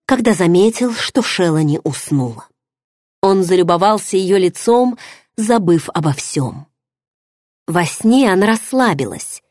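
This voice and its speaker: A woman with a low, husky voice reads a romance novel aloud, bringing feeling and drama to each line. The recording is close and dry, with no room sound. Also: warm tone, dry recording. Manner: emotive, dramatic reading. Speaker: audiobook narrator. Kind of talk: first-person novel narration.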